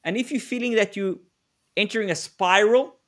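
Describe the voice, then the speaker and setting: Guy with a pretty high voice coaching people on a webinar call, lots of ums and restarts, very direct tips. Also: moderate pace, fairly bright tone. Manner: coaching, direct advice with frequent fillers and restarts. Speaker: negotiation expert presenting a webinar. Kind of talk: live webinar presentation. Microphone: video call.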